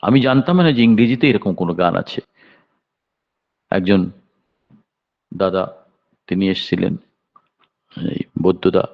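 A man's voice: low-pitched, vocal fry. Older man preaching, dull lo-fi sound. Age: 70s. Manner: storytelling with sudden raised, emphatic bursts. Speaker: devotional speaker. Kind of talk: devotional sermon. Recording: dull lo-fi recording.

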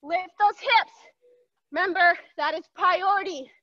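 Young lady aerobics instructor, super high voice, counting reps and hyping everyone up, kinda lo-fi stream audio. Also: a little slow, no echo. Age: young adult. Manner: energetic, motivating, counting out reps. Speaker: fitness instructor leading a live stream workout. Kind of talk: aerobics instructor calling cues and encouragement. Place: large gym, indoors. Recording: dull, lo-fi livestream audio.

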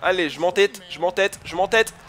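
Excitable bright-voiced gamer cheering and cursing. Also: male voice, high-pitched, a little fast. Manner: excitable, swings between cheering and cursing frustration; coaches his teammates aloud, self-critical. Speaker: gamer playing a basketball video game. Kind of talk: live let's-play commentary.

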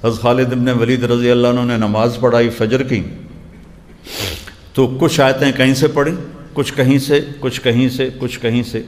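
Male preacher in a reverberant hall. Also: mid-range voice. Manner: storytelling, slows down to recite quotations; speaks in short repeated phrases. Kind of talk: religious sermon.

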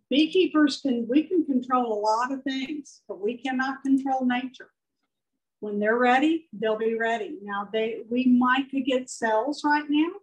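A middle-aged woman with a Texan accent co-presenting a beekeeping club talk, conversational and quick to chime in. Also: fairly high pitch. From southeast Texas. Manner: conversational, quick agreeing interjections. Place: large meeting hall with projector. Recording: distant room recording.

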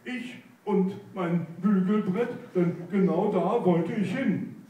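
A man's voice: sits high, slow pace, phone-quality sound, voice pushed up. A man voicing a chatty, hesitant storybook character who carries an ironing board. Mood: chuckling. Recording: echoey room, mic far off.

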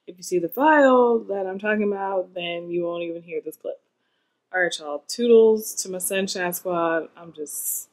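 A late-twenties American woman vlogger chats casually and expressively with her viewers in a lowish, slightly mellow voice. The recording is dry, and she moves from a small furnished room to a parked car.

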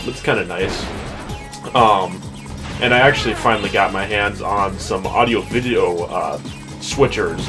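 A young man giving casual, rambling, self-deprecating gameplay commentary as a let's play host. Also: fairly low pitch. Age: young adult. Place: small bedroom at home. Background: video game music.

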